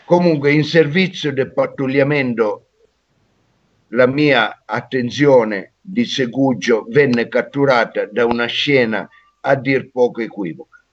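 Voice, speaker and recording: A man's voice: medium pitch, a little slow. Man doing a boastful inspector, phone line, lo-fi, pompous, word-muddling. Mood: self-important. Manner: pompous, muddles his words. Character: boastful male police inspector calling in from abroad. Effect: heard over a phone line. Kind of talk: comedy radio sketch.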